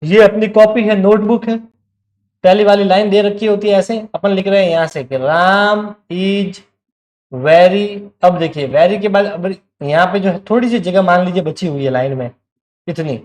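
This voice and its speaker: A man's voice: high-pitched, a little fast, darkish tone, roomy sound. A male teacher giving an online class, explaining step by step and checking that students follow.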